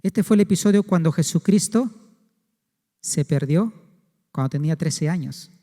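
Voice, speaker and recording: A man's voice: a little high, expressive, normal speed, warm tone, big-room sound. A man preaching a sermon as pastor, asking the congregation rhetorical questions.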